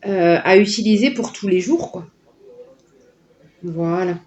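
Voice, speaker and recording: A woman's voice: lowish voice, slow pace, darkish tone, muffled recording. A woman chatting casually and delightedly through a sponsored unboxing, full of little filler words. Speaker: vlogger unboxing a product.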